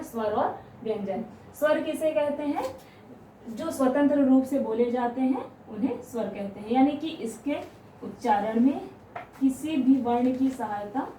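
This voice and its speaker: A woman teaching grammar, explaining step by step, asking questions and answering them herself, and stretching out example sounds slowly. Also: on the high side, warm tone, a little hiss or hum. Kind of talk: classroom explanation. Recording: echoey room, voice from a distance.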